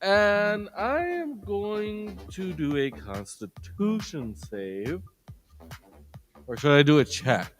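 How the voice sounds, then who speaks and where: A man's voice: high voice, big pitch swings, slow pace, soft background music. A man chatting casually as a player in a tabletop game, describing his character.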